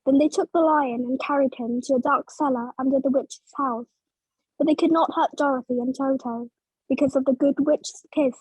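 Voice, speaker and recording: Woman narrator, high voice, dry close recording, clear simple storybook reading for English learners. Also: fairly even intonation, normal speed, darkish tone, dry recording, low-quality recording. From Vietnam.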